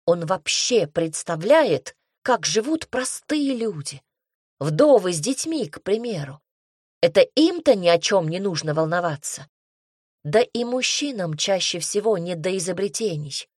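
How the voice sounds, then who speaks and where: Female audiobook narrator, lowish voice, dry close sound, indignant first-person fantasy reading. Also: no room sound. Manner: indignant, sharp-tongued heroine.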